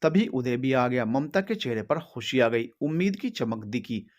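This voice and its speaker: A man narrating a sad family story in a steady, solemn way. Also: mid-range voice, moderate pace.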